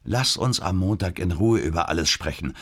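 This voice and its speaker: A man's voice: deep voice, expressive, normal speed, a bit bright, husky, heavily acted. A man reading a smug, curt male doctor. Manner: self-assured, teasing, a little curt. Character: smug middle-aged male doctor, womanizer. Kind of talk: audiobook character voice.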